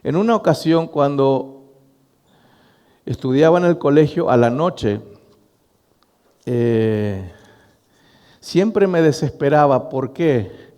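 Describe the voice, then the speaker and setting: A middle-aged pastor preaches to his congregation, speaking to them directly as he tells a story. His voice is mellow and sits at an ordinary pitch for a man. The sound rings with the long reverb of a church hall. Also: slow pace, long pauses, highs cut off. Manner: storytelling, addressing the congregation as brothers, animated. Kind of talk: sermon.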